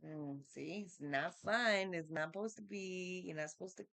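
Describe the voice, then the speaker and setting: A woman leading a casual Bible study, reading scripture aloud with chatty asides and frequent laughs, in a soft, low-set voice, recorded on a built-in computer microphone. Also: moderate pace, vocal fry. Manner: chatty and self-deprecating, laughs often.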